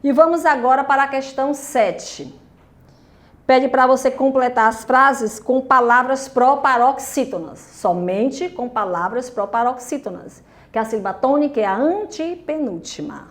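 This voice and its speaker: A Brazilian woman teacher walks young pupils through a grammar exercise in a recorded lesson. Her voice sits a little high for a woman. She speaks slowly and patiently and keeps checking in with short questions. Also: lively intonation. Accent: Brazilian Portuguese. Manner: slow and patient, checking in with "tudo bem?" and "ok?". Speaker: primary school teacher.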